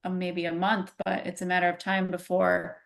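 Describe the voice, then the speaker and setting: A woman co-hosting a casual conversation in a calm, matter-of-fact way. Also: lowish voice, normal speed, creaky. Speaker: co-host.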